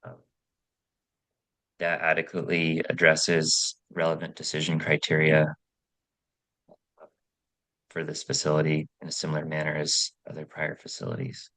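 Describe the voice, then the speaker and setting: A man testifying for an applicant at a public hearing, speaking in a halting, hesitant way. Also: rumbling low, monotone, fairly bright tone, low-quality recording.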